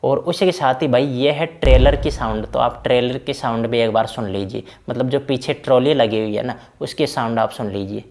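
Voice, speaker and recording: A game tutorial creator chats casually through the settings of a truck driving game in a screen recording, guiding viewers option by option and leaning on fillers like "na" and "bhai." His mid-range, darkish voice moves at a moderate pace with hardly any pauses, over a faint hiss or hum.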